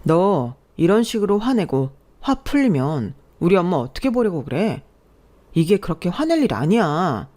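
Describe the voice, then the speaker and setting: A woman's voice: lowish voice, sing-song, moderate pace, mellow. A woman voicing a shameless young man, the fiancé, who talks in a condescending, pressuring way.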